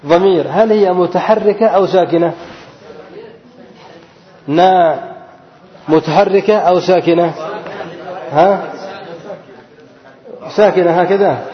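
A man teaching Arabic grammar to a class, asking questions and repeating the key answers, and drawing out example words slowly. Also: on the high side. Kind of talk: classroom grammar lesson with call-and-response questions. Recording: dull lo-fi recording with long reverb.

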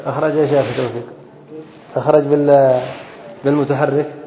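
A man's voice: little pitch movement, quick pace. A man teaching a grammar lesson, repeating rules and putting questions to his students. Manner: repeats and drills, asking students to fill in answers. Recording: roomy hall, dull low-fi sound.

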